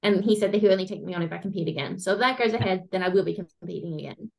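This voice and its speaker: A young Australian woman with an Australian accent, chatting casually as a guest coach in an interview, relaxed and self-deprecating. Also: medium pitch, racing, gravelly.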